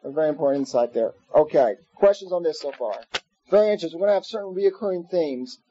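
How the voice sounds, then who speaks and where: A man's voice: fairly high pitch, fast. Man teaching Torah on dull old tape. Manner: conversational, animated storytelling with asides. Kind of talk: recorded class lecture.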